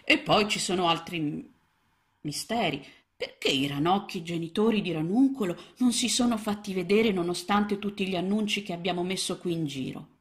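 A woman voicing a good-natured male frog, a husband and hunter, who speaks lower, calmly and reassuringly. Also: moderate pace, close to an everyday voice.

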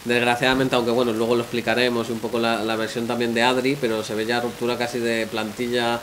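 A man's voice: mid-range voice, little pitch movement, fast talker, fairly bright tone, a little hiss or hum. A man hosting a casual panel discussion in a restaurant, asking questions with many fillers and tag questions. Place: restaurant dining room, indoors.

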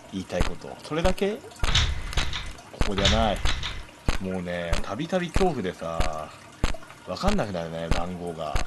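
A man's voice: fairly low pitch, background noise. A man commentating a horror game, jumpy and chatty, bickering with the game. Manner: jumpy, talks back at the game with jokes and complaints.

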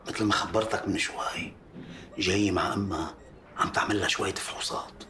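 A man's voice: sits low, fairly quick, pushed and bright, a little hiss or hum. A man in a dubbed TV drama, talking earnestly and pleading. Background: music score.

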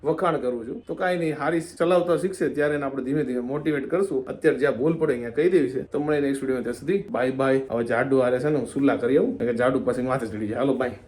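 A man's voice: mid-range voice, rapid-fire, few pauses, a little mellow. A young man, chatting in a casual vlog in a teasing, offhand way. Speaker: vlogger, husband.

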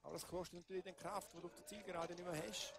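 A man's voice: sits high, steady tone, very fast, a crowd in the background. A man giving casual, explanatory expert analysis of a ski race. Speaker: expert co-commentator.

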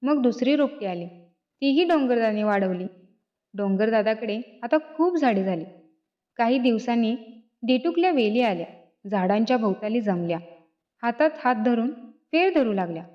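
Woman narrator, children's story reading, gentle steady telling, slightly high voice, lo-fi sound. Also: normal speed. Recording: dull lo-fi recording.

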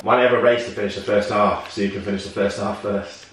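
A man, a guest chef, presenting his dishes in a teasing, lively way. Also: on the low side, quick pace. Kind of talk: casual chat on camera. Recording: echoey room, faint music.

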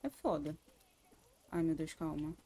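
A woman's voice: low voice, a little slow, warm tone. A Brazilian woman streaming a horror game, jumpy and scared, swearing often and talking to herself. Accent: Brazilian Portuguese. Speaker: gaming streamer. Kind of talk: live gaming commentary.

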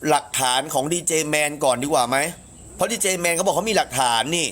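A man chatting casually on a live stream, crude and talkative, jumping to a higher voice when he quotes others. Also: lively intonation, fast, fairly bright tone, slight background noise.

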